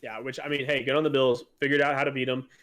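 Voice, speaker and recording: A man's voice: mid-range voice, flat delivery, fast, fairly bright tone. A man co-hosting a casual sports podcast, rambling with many fillers and restarts, enthusiastic as a fan. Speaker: podcast co-host.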